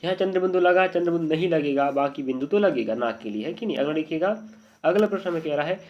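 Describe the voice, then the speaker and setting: A man with a slightly high voice teaches an exam-prep spelling lesson. He keeps asking his students whether they follow. The audio is dull and lo-fi. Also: animated, fast. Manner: repeated checking questions to students.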